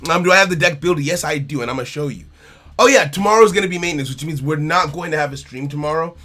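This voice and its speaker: A man's voice: a little high, fast, pushed and bright. A man streaming a card game live, chatting casually and greeting viewers by name while repeating his phrases.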